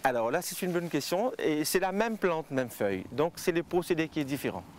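A man guiding visitors through tea fields and a factory, explaining in halting sentences full of fillers. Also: on the high side, expressive, noisy background. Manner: halting, with frequent fillers and restarts. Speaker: tea estate guide. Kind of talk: explanatory interview answers.

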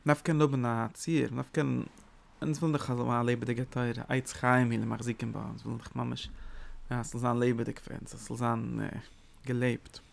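A man teaching a religious lecture, his mid-pitched voice rough with a gravelly rasp. He talks in animated, emphatic bursts and drops in English words as he explains. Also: moderate pace. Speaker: Torah teacher.

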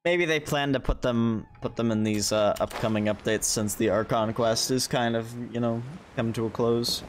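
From an indoor webcam setup with game music behind him, a young American livestreamer muses offhandedly about his game in slangy, relaxed commentary. His medium-pitched voice stays fairly even and moves at a normal pace, with a faint hiss or hum.

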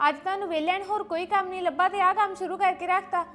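A woman playing a sharp-tongued young sister-in-law. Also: very high-pitched, steady tone. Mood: indignant. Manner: fast, sharp and retorting. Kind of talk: family drama acting.

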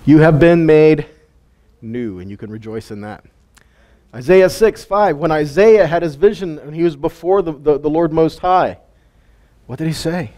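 A man's voice: a little high, normal speed, mellow. A man giving a casual sermon teaching, retelling Bible stories in a folksy, plain-spoken way.

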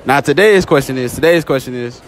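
A man's voice: mid-range voice, fairly quick. A young man running a casual public interview in a shopping mall, talking into a phone he holds out, upbeat and joking, repeating his lines. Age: young adult. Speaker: street interviewer. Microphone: phone held out. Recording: phone audio with music and crowd.

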